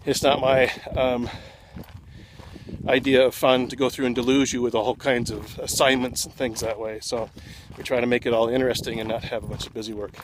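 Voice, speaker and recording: A man's voice: medium pitch, a little fast. Guy teaching an online class, a bit out of breath, lots of ums, phone recording outside with traffic going by. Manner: relaxed and conversational, with many filler ums and uhs. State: slightly out of breath. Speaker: online course instructor. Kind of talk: casual lecture to students, recorded on a phone. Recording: phone recording with clear traffic noise outdoors.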